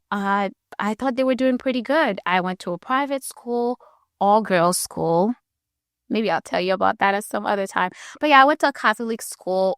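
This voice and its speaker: A woman's voice: mid-range voice, clear, resonant tone, dry recording, studio quality. Candid woman hosting a podcast. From Haiti. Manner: candid, animated, conversational. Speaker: podcast host. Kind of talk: personal storytelling podcast.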